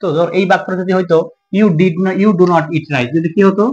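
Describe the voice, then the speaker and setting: A man's voice: high voice, fairly even intonation, moderate pace, darkish tone, muffled recording, a little hiss or hum. A man with a Bangladeshi Bengali accent teaching an English grammar lesson, asking questions and answering them himself.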